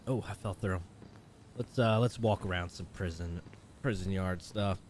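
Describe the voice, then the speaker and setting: A man's voice: sits low, moderate pace, a little mellow, a little hiss or hum. A man hosting a live game stream, chatting casually, reading out viewer messages and laughing often. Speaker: streamer and host. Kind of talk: live stream chat and roleplay commentary.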